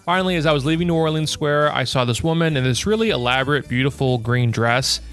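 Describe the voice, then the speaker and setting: A man's voice: a little high, fast talker, fairly bright tone. A young man narrating a scripted video essay, blunt and opinionated, with a sarcastic edge. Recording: faint music under the voice.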